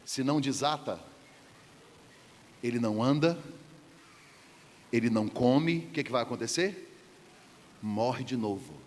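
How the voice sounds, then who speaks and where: A man's voice: mid-range voice, a little slow, pauses often, a little mellow. A man preaching a humorous sermon, joking and questioning the congregation. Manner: playful, jokes and asks the congregation questions. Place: church hall. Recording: church hall reverb, faint background noise.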